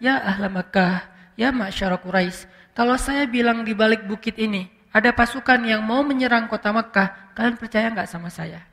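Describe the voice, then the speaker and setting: A male preacher voicing a gentle prophet who calls to a crowd, speaking softly and without hurry. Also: sits high, long reverb tail. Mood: gentle, earnest. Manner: soft, unhurried, earnest.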